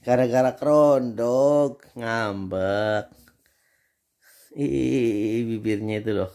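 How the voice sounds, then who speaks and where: A man's voice: medium pitch, very slow, darkish tone. A man, a father playfully teasing his daughter in a casual family vlog, laughing often.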